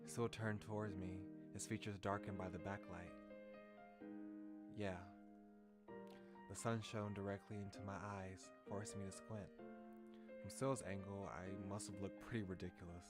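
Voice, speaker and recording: A man's voice: low voice, level tone, a little fast. A man streaming a visual novel, reading it aloud and chatting, laughing often and trailing off. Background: game music.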